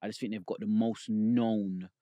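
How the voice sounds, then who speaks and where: A man, hosting a relaxed, bantering podcast chat. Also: lowish voice, normal speed, no echo. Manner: relaxed, laid-back banter with laughs. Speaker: podcast host. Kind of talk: casual chat.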